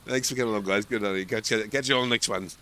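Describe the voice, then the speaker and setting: A man's voice: fairly low pitch, steady tone, racing, pushed and bright. A man casually chatting and joking while playing a multiplayer game with friends, his voice a little off today. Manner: laughs often, jokey. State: voice a bit off. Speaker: streamer, co-host of a multiplayer game. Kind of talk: casual gaming chat.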